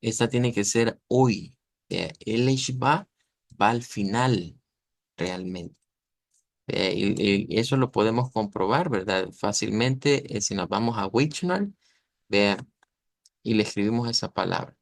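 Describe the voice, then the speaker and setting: A man, teaching pronunciation in an online lesson. His voice is lowish with plenty of gravelly fry. He talks patiently and keeps checking in with the class, recorded dry and close to the mic. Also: measured pace, no echo. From Latin America. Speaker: language teacher.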